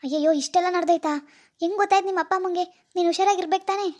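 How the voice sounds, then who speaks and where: Caring cartoon schoolboy, put on by a woman: high voice pushed lower, quick, concerned. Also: steady tone, darkish tone. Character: caring teenage schoolboy boyfriend. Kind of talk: cartoon voice acting.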